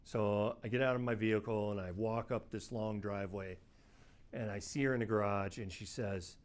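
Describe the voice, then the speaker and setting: A man's voice: fairly low pitch, steady tone, moderate pace. A middle-aged man, a private investigator, telling one of his cases in a casual, conversational first-person way. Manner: conversational, quotes people in his story, plain-spoken. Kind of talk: first-person case storytelling.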